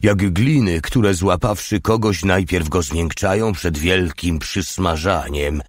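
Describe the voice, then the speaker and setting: A man's voice: deep voice, slow pace, no room sound, studio quality. A male audiobook reader voicing a crude, leering young soldier who talks in a coarse, mocking way. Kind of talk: audiobook character reading.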